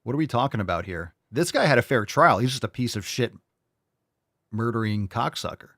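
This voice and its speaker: A man's voice: mid-range voice, lively intonation, a little fast, fairly bright tone, no room sound, studio quality. A man hosting a casual live commentary show, talking bluntly and profanely in a mocking way. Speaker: show host.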